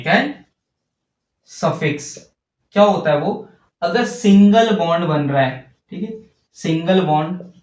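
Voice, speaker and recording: A man teaching a chemistry lesson while writing on a board. He talks slowly, asking questions and answering them himself. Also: high-pitched, darkish tone. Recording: distant, echoey, dull lo-fi.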